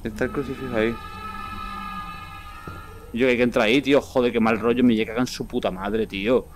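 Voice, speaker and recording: A man's voice: medium pitch, steady tone, a little fast. A man in his thirties with a Castilian Spanish accent, reacting bluntly and with swearing as he commentates live on a VR horror game. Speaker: streamer.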